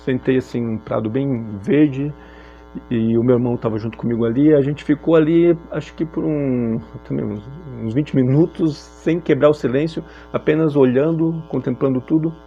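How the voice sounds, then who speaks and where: Guy with a gravelly dark voice telling his own story slowly, lots of pauses, muffled recording w soft music behind. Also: medium pitch, steady tone. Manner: reflective, halting with frequent filler pauses. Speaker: speaker sharing a personal story. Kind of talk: personal testimony.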